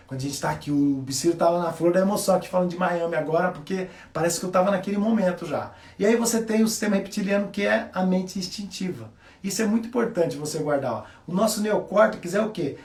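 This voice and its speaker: A Brazilian man giving a motivational talk, telling stories with lots of slang and animated delivery. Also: high-pitched, vocal fry, distant mic. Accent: Brazilian Portuguese. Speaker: coach. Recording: echoey room.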